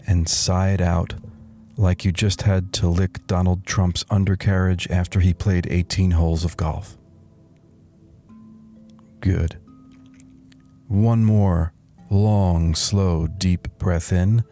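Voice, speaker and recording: With a deep voice, a man plays a wry, weary middle-aged slacker who has become a meditation guru, narrating a satirical guided meditation. His delivery is deadpan and soothing with deliberate pauses, over soft background music.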